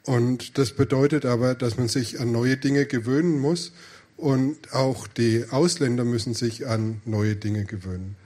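Male church interpreter, mid-pitched, phrase-by-phrase delivery, frequent hesitations and self-corrections. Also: a little slow, warm tone. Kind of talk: live sermon interpreting.

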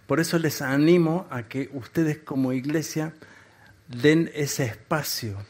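A man from Argentina, preaching a sermon in short phrases and pausing for an interpreter. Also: fairly high pitch, fairly even intonation, darkish tone. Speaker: guest preacher.

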